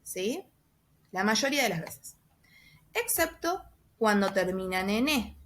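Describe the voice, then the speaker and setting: Woman teacher talking slow and patient, middle pitch, keeps checking if you got it. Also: very animated, a little hiss or hum. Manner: slow and patient, checks understanding with a soft "¿sí?" after each step; spells out letters and stretches example sentences. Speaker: English teacher. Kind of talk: recorded class explanation.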